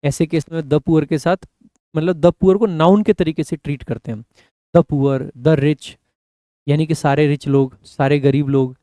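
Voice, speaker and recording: A man's voice: on the high side, steady tone, normal speed, dark tone, dry recording. A young adult man teaching English grammar for exam preparation, mixing explanations with English examples and calling the viewers brother. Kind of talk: exam-prep classroom lesson. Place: indoor recording studio with air conditioning.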